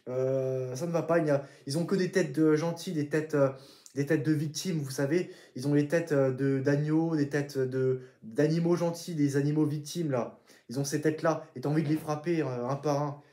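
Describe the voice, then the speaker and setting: A man ranting about football in a casual, exasperated way, filling pauses with hesitations and repeating himself. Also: on the high side, steady tone, mellow. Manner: heated, exasperated ranting with frequent "euh" fillers and repetitions. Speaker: football commentator YouTuber. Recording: roomy echo.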